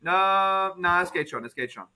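A man who is not a native speaker of German teaches a beginner high-school class in a classroom, asking simple questions again and again and answering them himself. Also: lively intonation, moderate pace, a loud crowd. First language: English. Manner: simple repeated questions to students, self-answering.

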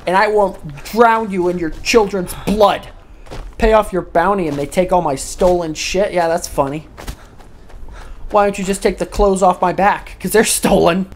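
A woman hosting a let's play, cursing and yelling in exasperation at the game's characters. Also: mid-range voice, normal speed, slight background noise. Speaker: gaming video host.

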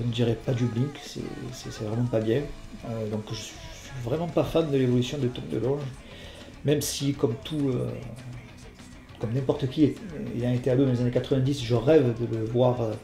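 A man's voice: medium pitch, dark tone, roomy sound. A man hosting a casual question-and-answer video, talking hesitantly with lots of fillers and apologies. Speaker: channel host answering viewer questions. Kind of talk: casual FAQ video chat.

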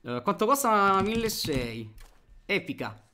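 Guy streaming from home, high bright voice, bouncy, thanks everyone one by one. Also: unhurried. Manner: lively, thanks viewers one by one. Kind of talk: live stream chat.

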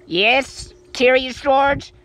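Someone doing a slow, deep-pitched toy Luigi. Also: a bit bright, full character voice. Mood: flat, obliging. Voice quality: low-voiced. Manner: slow, drawn-out, plodding. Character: slow, dim, boastful male video game plumber toy. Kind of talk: improvised plush toy puppet skit. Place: outdoors by a backyard swimming pool. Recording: noisy outdoor phone recording.

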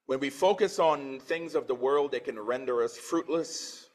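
A man's voice: mid-range voice, normal speed. A man in his forties from Trinidad, preaching a sermon in church, reading scripture with swelling emphasis and dropping into plain conversational asides. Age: 40s.

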